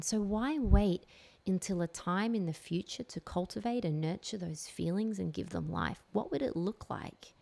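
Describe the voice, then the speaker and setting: A woman hosting a reflective solo podcast, speaking slowly and emphatically and repeating key phrases. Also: medium pitch, creaky, darkish tone. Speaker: podcast host.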